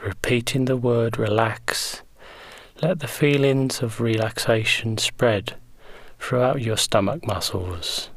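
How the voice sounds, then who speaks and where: A man leading a guided progressive muscle relaxation in slow, gentle, soothing instructions. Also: medium pitch, no echo.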